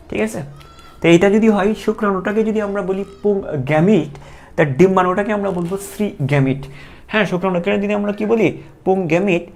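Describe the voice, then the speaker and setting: A man's voice: high-pitched, a little mellow. A man teaching a biology class live online, chatty, asking questions and answering them himself.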